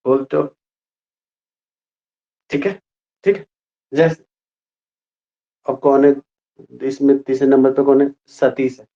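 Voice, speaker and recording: A man's voice: slow pace, long pauses. Playful man teaching a grammar class. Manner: lively, playful, asks students questions often. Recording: muffled low-fidelity sound.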